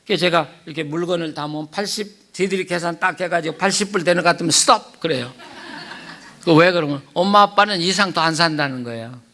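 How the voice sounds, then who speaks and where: A man's voice: a little high, fast talker, sharp tone. An older man preaching at a church revival meeting, telling stories and leading prayer. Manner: storytelling, chuckling, then earnest prayer. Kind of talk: sermon.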